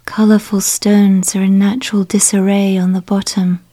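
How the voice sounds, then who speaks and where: A woman guiding a relaxation exercise in a soft, hushed voice that often drops to a whisper. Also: medium pitch, little pitch movement, normal speed. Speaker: meditation guide. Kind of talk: guided relaxation narration.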